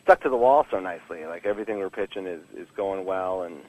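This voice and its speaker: A comic book writer with a low, slightly mellow voice talks fast as a podcast guest. His manner is loose and candid, full of false starts and jokey asides, and the recording quality is low.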